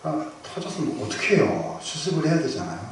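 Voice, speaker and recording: A male pastor preaching a storytelling sermon, moving between loud bursts and hushed near-whispers. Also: on the high side, sing-song, a little fast. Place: church sanctuary. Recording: very echoey hall, from far off, noisy.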